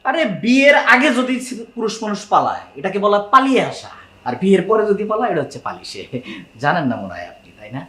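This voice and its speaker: A man's voice: sits high, big pitch swings, fast talker. Flustered man in an echoey room. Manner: flustered and hushed. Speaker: husband in comedy skit. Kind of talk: comic sketch acting.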